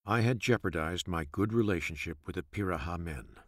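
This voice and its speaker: A man narrating his own memoir in the first person, measured and reflective. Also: low voice, no echo, studio quality.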